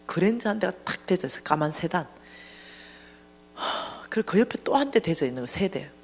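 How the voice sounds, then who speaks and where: A woman giving a lively, humorous testimony sermon in a church, acting out dialogue as she tells the story. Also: fairly low pitch, brisk, slight background noise. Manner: animated storytelling, acting out dialogue, bursts of laughter. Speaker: church finance lecturer.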